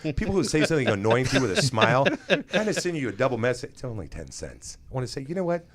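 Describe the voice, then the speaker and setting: A man's voice: medium pitch, very animated, racing. A man co-hosting a talk show, ranting in an exasperated, mocking way and laughing at his own jokes. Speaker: co-host. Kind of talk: casual comedic rant. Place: radio studio.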